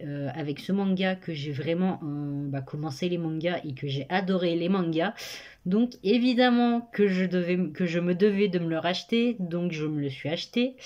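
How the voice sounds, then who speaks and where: A woman's voice: on the low side, a little mellow, lo-fi sound. A young woman vlogging casually about books from her bedroom, chatty and full of hesitations. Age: young adult. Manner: chatty, lots of hesitations and self-corrections. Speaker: book vlogger. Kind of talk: casual chat. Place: bedroom at her parents' home. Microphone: phone camera.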